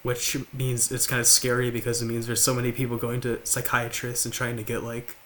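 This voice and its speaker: A young man in his late teens with a slight lisp, talking quietly and haltingly to the camera at home. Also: mid-range voice, completely flat delivery, a little hiss or hum. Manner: halting, with many fillers and restarts. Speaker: vlogger. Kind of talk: confessional talk to camera. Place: large house, indoors.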